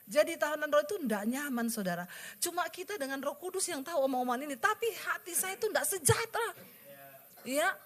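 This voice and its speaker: A woman, giving a lively sermon testimony to a congregation and acting out dialogue as she tells it. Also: sits high, fairly quick. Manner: animated storytelling, acting out dialogue with laughs.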